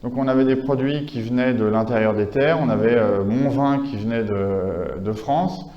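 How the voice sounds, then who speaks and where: A man's voice: mid-range voice, moderate pace, roomy sound, muffled recording. A man giving a conference lecture, talking with many hesitations, fillers and restarts. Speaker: conference speaker.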